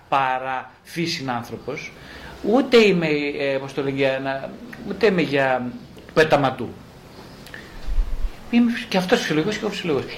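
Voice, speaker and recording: Male psychologist, wry storyteller, voice sits a little high, faint hiss behind. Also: low-quality recording. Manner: animated storyteller who acts out patients' lines; wry and mocking. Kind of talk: conversational explanation in an interview.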